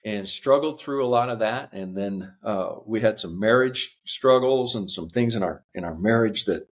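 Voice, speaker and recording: Man, 50s, earnest storyteller, low voice, many ums and pauses. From United States. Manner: earnest, halting with many fillers. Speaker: podcast guest. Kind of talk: reflective personal storytelling.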